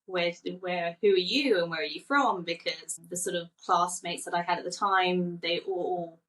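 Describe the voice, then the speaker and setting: A woman's voice: lowish voice, moderate pace, a bit bright, far from the mic, poor audio. A woman in her forties, from Thailand, talking casually as a guest on a podcast and telling stories with light laughs. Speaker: children's book author.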